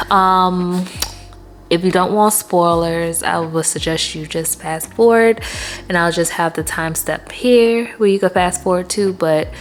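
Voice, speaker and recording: A woman's voice: fairly low pitch, a little hiss or hum. A woman, chatting animatedly as a vlogger about her day and a book she read. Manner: chatty, animated, laughs often. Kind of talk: casual chat.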